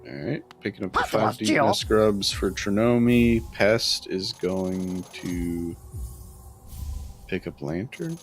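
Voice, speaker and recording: A man with a cold, his voice hoarse and fairly low, calls a live game in a relaxed, joking way. Faint music plays under his voice. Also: slow. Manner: joking, laughs often. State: sick, hoarse. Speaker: commentator. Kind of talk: casual game commentary.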